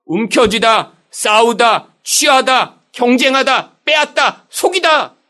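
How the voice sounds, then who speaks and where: A male pastor preaching a sermon, emphatic and animated, often turning to the congregation and acting out his own past angry prayers. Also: very high voice, slow pace.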